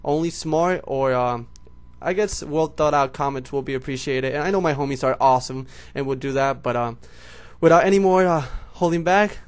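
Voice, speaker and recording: At medium pitch and a moderate pace, a young Puerto Rican YouTuber whose first language is Spanish chats casually in a vlog monologue. He has a Puerto Rican accent and a slight lisp and treats his viewers as homies as he rambles.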